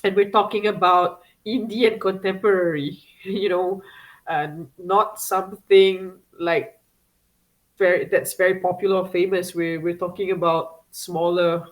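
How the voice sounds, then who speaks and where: A woman's voice: fairly low pitch, fairly even intonation, unhurried, low-quality recording. A woman from Singapore, a guest chatting casually in an interview, with many fillers, restarts and laughs.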